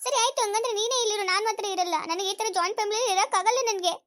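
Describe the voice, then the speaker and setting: A woman's voice: very high voice, racing, a bit bright. A woman voicing a fed-up young wife who complains and pleads, repeating herself.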